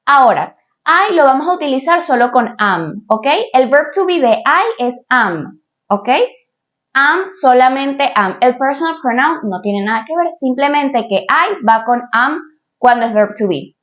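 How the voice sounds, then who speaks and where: A woman's voice: high-pitched, expressive, highs cut off. A woman teaching an English grammar lesson for Spanish speakers, patiently repeating points and checking in with the viewer. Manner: says English examples slowly, twice.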